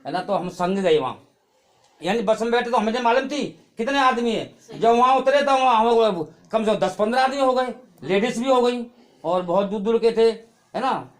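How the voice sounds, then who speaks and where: A man's voice: very high voice, lively intonation, moderate pace. A middle-aged man giving a spoken testimony at a church gathering. He tells his story in a chatty way and keeps adding tag questions. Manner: chatty storytelling with frequent "hai na" tags. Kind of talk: spoken testimony at a prayer meeting.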